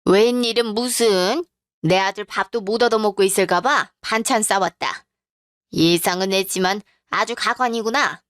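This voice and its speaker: A woman's voice: mid-range voice, moderate pace, a bit bright, no echo, studio quality, natural voice. A woman voicing a domineering older mother-in-law who scolds harshly and commands. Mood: scolding.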